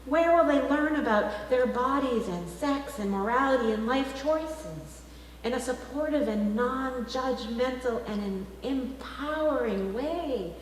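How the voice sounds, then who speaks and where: A woman minister preaches in a large church hall with heavy reverberation and faint background noise. Her voice sits a little high, and she phrases emphatically, using deliberate sermon-style pauses.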